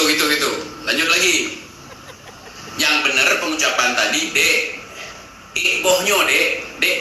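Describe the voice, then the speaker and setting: Man, fairly high voice, animated casual explainer, booming echo and background noise. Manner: lively, emphatic, repeats words with frequent "nah". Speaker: explainer of Acehnese language. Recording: very echoey room with noise.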